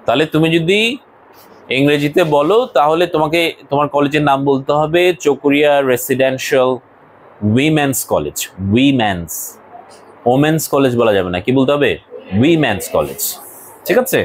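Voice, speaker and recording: A man's voice: a little high, normal speed, a little hiss or hum, poor audio. A male college English teacher, lecturing a classroom and explaining English words and phrases, sometimes scolding his students.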